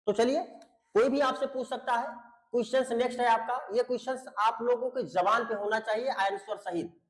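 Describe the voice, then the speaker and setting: Echoey, patient teacher. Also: male voice, very high voice, fairly even intonation, brisk. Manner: explains patiently, repeats points, checks understanding; addresses students fondly as beta and babu. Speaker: English teacher. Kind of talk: online video lecture.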